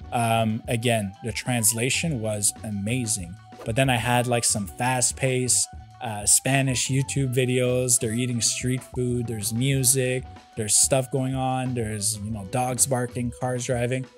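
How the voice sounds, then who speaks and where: A man's voice: medium pitch, darkish tone. A man giving a casual product review, explaining things step by step with examples. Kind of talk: casual review narration to viewers. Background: background music.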